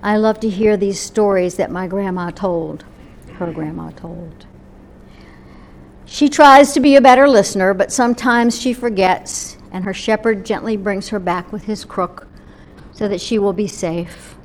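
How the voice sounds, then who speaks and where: A woman pastor telling a gentle story sermon in a church service, her voice softening to near-whispers at the ends of phrases. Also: medium pitch, measured pace, slight background noise.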